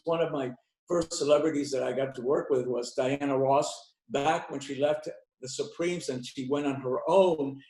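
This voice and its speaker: A man's voice: a little high, darkish tone. Older man, roomy echo. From Cuba. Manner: rambling anecdotes with many fillers and restarts. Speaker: interview guest, beauty expert. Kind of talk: storytelling interview answers.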